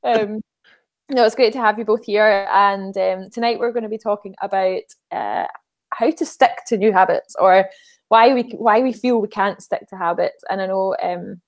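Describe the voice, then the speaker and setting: A woman's voice: mid-range voice, fairly even intonation, moderate pace. A woman hosting a live online broadcast, bubbly and giggly, introducing her guests with many ums. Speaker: live-stream host.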